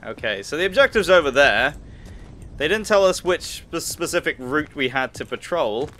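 An excitable young man on a headset, his bright, sharp-edged voice sitting a little high and leaping up and down as he teases and yelps. A light hiss runs under it. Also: moderate pace. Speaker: gamer. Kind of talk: co-op gameplay chat.

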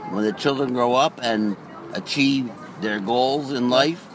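Older guy talking slow out his car window, phone held up to him, traffic noise all around. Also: medium pitch. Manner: slow, thoughtful, repeats himself. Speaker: interviewee. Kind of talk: street vox pop answer. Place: seated in a car, street outside. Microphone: handheld phone held to car window.

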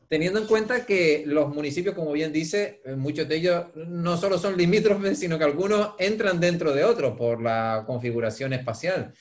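A man answering questions as presenter in an online academic discussion, agreeing emphatically and repeating phrases. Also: fairly high pitch. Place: online video call.

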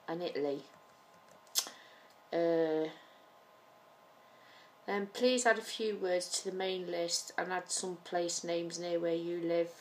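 A woman's voice: lowish voice, slight background noise. A woman from England with an East Midlands accent, chatting casually and hesitantly into a home camera mic, with frequent ums. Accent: East Midlands English. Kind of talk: casual accent-tag video.

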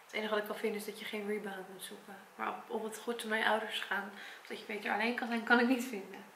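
A Dutch woman in her twenties talking to her camera at her parents' home, tearful and congested from crying, in a soft, halting voice. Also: mid-range voice, flat delivery, creaky, echoey room, a little hiss or hum. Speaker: vlogger and primary school teacher. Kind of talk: personal vlog talk to camera. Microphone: camera mic.

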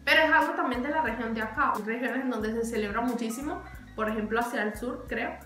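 A woman's voice: fairly high pitch, quick pace, pushed and bright, faint music behind. A young woman chatting animatedly as a vlogger, repeating words for emphasis. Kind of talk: casual chatty explainer. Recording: echoey room.

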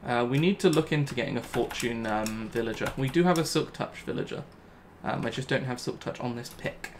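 A man's voice: mid-range voice, brisk, background noise. A young man talking through his gameplay live, thinking aloud and repeating himself when things go wrong. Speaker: gaming channel host.

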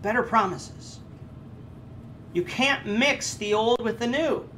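A man's voice: slow, slight background noise. A man in his thirties teaching a Bible class, earnest and explanatory, with frequent hesitations. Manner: earnest, with lively rises in pitch and frequent hesitations. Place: indoors before a red curtain. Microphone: camera framed chest-up.

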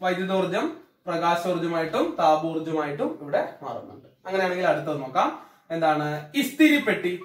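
A man's voice: high-pitched, fairly bright tone, recorded from a distance. A man with a Malayalam accent teaching science to pupils, asking a question and then answering it himself, again and again. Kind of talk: classroom-style science lesson. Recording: echoey room, away from the mic.

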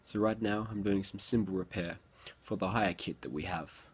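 A man's voice: low-pitched, steady tone, normal speed, heavy background noise. An Australian man chatting casually to camera in a vlog, joking around and swearing freely. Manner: jokey, laughs often, swears freely. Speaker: touring musician vlogger.

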